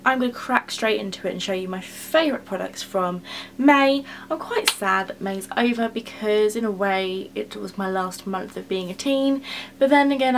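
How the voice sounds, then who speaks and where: A woman's voice: mid-range voice, slight background noise. A twenty-year-old woman chatting casually and gushing as she reviews her favourite beauty products. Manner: bubbly, rambling and gushing. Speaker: beauty vlogger. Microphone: camera mic.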